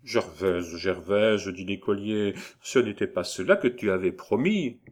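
A man reading the part of a pushy, impatient young student in an audiobook, loud and insistent. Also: fairly low pitch, lively intonation, measured pace.

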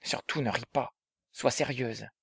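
A man voicing Riquet, an eager, affectionate young man in love, in a dramatized story reading, often hushed and conspiratorial. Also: medium pitch, moderate pace, vocal fry, close to an everyday voice.

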